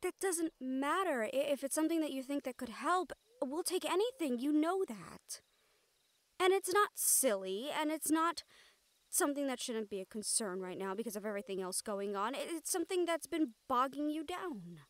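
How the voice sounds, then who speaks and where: This audio roleplay features a woman as a siren-banshee partner and teammate, exasperated but caring, concerned and earnest, sighing and using Spanish endearments. Her high voice has lively intonation at a moderate pace, captured in a dry recording.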